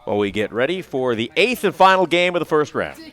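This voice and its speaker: A man's voice: a little high, sing-song, a little fast, a bit bright. An American man giving live play-by-play sports commentary. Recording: noisy outdoor event ambience.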